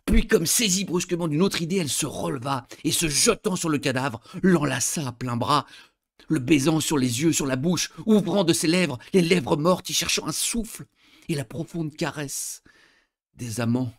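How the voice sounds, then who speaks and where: A man reading a story aloud as narrator in an expressive, dramatic way. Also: a little high, normal speed.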